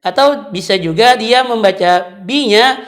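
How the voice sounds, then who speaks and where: A woman teaching Quran recitation, patiently explaining and chanting drawn-out example syllables. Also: medium pitch.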